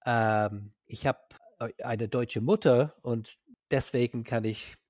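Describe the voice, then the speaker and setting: Slow, hesitant Irish man. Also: mid-range voice, steady tone, darkish tone, no echo, studio quality. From Ireland. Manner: hesitant, many fillers and restarts. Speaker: guest. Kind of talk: casual interview.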